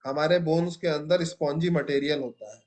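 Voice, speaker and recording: A man's voice: a little high, normal speed, a little mellow. A young man teaching a biology class, asking students questions and praising their answers. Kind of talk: classroom lecture.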